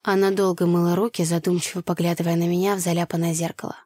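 A woman narrating a story in the first person, lively and expressive. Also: on the low side, fast, dry recording, clean studio sound. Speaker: audiobook narrator.

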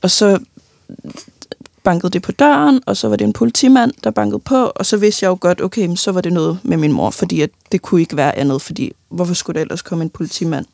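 A young woman giving a halting, personal account of loss in an interview, often pausing and restarting, sometimes tearful. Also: on the low side, vocal fry, a little mellow, no echo, studio quality. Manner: halting, many fillers and restarts, tearful at times.

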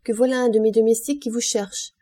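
A woman's voice: a little high, fairly even intonation, quick pace, warm tone, pitched above the performer's own voice, natural voice. A woman reading an urbane, gallant duke. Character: genial older male duke, urbane host.

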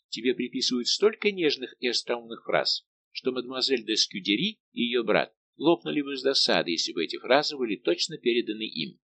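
A man voicing a sharp, teasing young court lady. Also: mid-range voice, vocal fry, full character voice. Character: lively, insistent young female court maid of honour.

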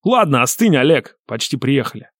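Man voicing a gruff tough guy, blunt, tired, audiobook. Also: mid-range voice, sing-song, normal speed, a bit bright, no echo, studio quality, pitched above the performer's own voice. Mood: earnest. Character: gruff tough male friend, weary.

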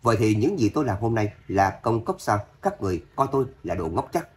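A man's voice: on the low side, sing-song, a little fast. A man voicing a cold, vengeful young son-in-law who speaks harshly in an audio story. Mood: cold scorn.

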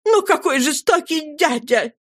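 A woman voicing a proud young woman who sobs and complains in a high wail. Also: lively intonation, a little slow. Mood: tearful outrage. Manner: high, loud, wailing complaint. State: sobbing. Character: proud young woman, tearful and self-pitying.

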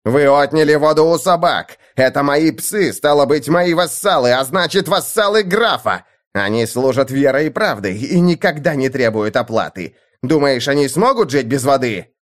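A brash young lord bellows at his underlings, cruel and gleeful by turns, as a man reads him in an audiobook. His pitch leaps wildly, rising high when he rages. It is a bullying, theatrical tone. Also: big pitch swings, moderate pace, lightly acted. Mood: raging. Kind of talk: audiobook character voice.

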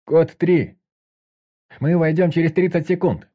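A man voicing a male squad commander who shouts orders through a wall. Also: a little high, steady tone, unhurried, narrow, tinny audio, pitched above the performer's own voice. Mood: commanding.

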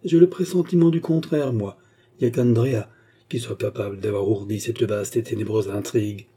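A man voicing a resolute young nobleman, urgent and suspicious, in an audiobook reading with a dark, husky voice. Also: fairly low pitch, moderate pace. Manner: urgent, emphatic. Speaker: character in a read novel.

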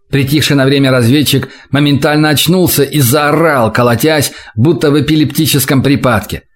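A man reading a gritty audiobook in steady, measured narration. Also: mid-range voice. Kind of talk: scripted narration.

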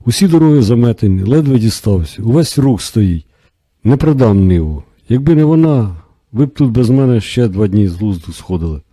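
A man reading a gruff, irritable male hospital department head in an audiobook, with grim, curt questions. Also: lowish voice, lively intonation, a little fast, dark tone, no echo.

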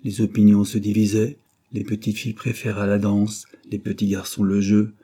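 Male audiobook reader, steady and measured, deep dark husky voice. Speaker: audiobook narrator. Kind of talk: scripted narration.

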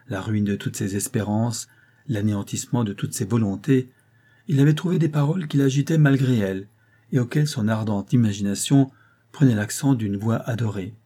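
Male audiobook narrator, warm and husky, measured dramatic reading. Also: lowish voice. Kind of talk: audiobook reading of a classic novella.

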